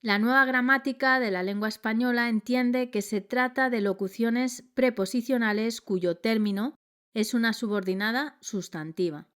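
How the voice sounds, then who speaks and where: A woman reading a scripted grammar lesson in a measured, clear delivery. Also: a little high. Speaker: grammar teacher.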